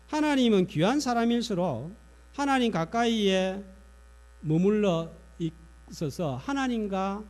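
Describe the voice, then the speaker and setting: A man's voice: high voice, darkish tone. A man preaching a sermon in a church, asking the congregation rhetorical questions. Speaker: pastor.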